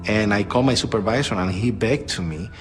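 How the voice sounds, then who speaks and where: A middle-aged man giving a steady, matter-of-fact eyewitness account of his workday in an interview. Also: fairly low pitch, fast talker, over music. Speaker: building worker recounting his experience. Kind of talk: calm eyewitness testimony.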